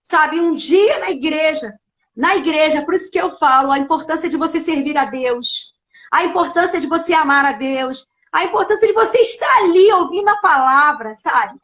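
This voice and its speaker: A middle-aged woman pastor, sharing a heartfelt personal testimony in a casual chat and at times rising almost to a shout. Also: sits high, animated, moderate pace. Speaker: pastor hosting a live show.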